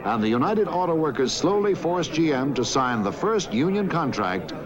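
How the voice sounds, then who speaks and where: A man narrating a scripted historical newsreel documentary in a measured, authoritative way. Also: a little high, sing-song, a crowd in the background. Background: background music.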